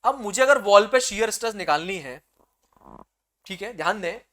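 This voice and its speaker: A male teacher giving an exam-prep engineering lecture, calling students "beta" and asking and answering his own questions, with energetic swings into loud excitement. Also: high voice, normal speed.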